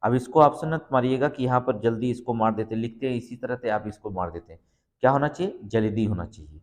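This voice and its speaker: A man's voice: mid-range voice, a little fast. A man teaching exam preparation, walking through each answer step by step and confirming it with a repeated check. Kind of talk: exam-prep lesson. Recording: long reverb in the room.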